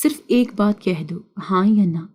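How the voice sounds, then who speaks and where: Give me a persistent young man who pleads earnestly, read by a woman telling a story. His voice is dark and even. He presses his case again and again. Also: medium pitch, natural voice. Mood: insistent. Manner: earnest, insistent.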